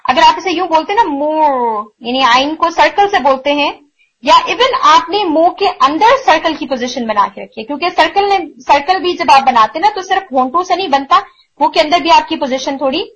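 A woman with a high voice teaches recitation pronunciation in a patient, explaining way. She drags out the example sounds slowly and repeats them, and mixes English words into her talk. The audio is a little muffled and lo-fi. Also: animated, a bit bright. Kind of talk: online tajweed lesson.

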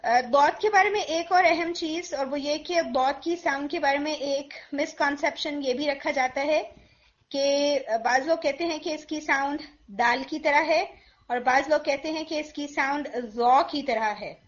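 A woman teaching Quranic letter pronunciation, patiently explaining and slowly demonstrating each sound. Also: high-pitched. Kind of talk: explanatory lesson mixing Urdu and English. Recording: dull lo-fi recording.

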